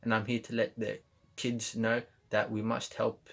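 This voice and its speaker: A man's voice: fairly low pitch, level tone, a little slow, gravelly, fairly bright tone. A man from Ethiopia giving a short, earnest advocacy message with a direct appeal.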